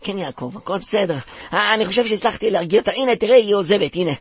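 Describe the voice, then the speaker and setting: A bumbling joker, played by a man, stammers and trips over his words while spinning silly puns in a comic radio play. His voice is slightly high and husky, recorded dry and close. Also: fairly bright tone, no room sound, exaggerated voice. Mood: pleading coaxing.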